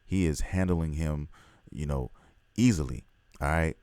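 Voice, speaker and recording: A man with a very deep voice hosts a casual vlog and rambles with excitement, swearing freely. His voice sounds dry and close, with little room around it. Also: a little slow, clear, resonant tone, dry recording. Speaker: host.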